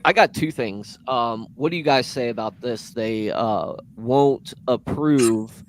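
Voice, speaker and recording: A man's voice: medium pitch, slow pace, slight background noise. A man on a faith discussion panel, thinking aloud and restarting his sentences, with lots of "you know" and "I mean". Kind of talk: casual discussion.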